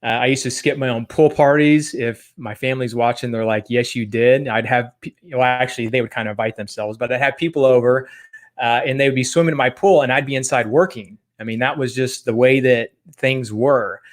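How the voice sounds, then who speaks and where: A man's voice: medium pitch, fairly even intonation, fairly quick. A man hosting a live-streamed business training from a home office, upbeat and rambling, with many fillers.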